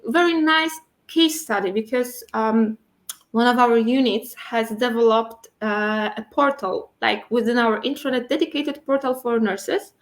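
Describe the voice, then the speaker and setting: Higher-voiced woman talking with braces. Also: measured pace. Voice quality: speaking with dental braces, slightly impeded articulation. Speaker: guest speaker, internal communications and IT professional. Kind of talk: explanatory interview answers.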